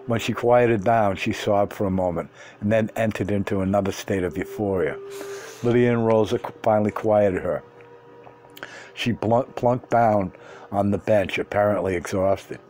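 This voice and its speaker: A man reading a first-person story aloud, unhurried, sometimes stumbling and restarting words. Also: on the low side, fairly even intonation, darkish tone. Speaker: reader.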